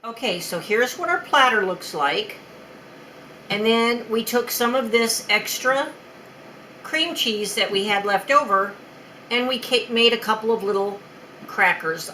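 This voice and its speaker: Chatty woman, bright voice, kitchen demo. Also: mid-range voice, slight background noise, low-quality recording. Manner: chatty, loose, trails off mid-sentence. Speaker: host of a food demo video. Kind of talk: casual kitchen demonstration.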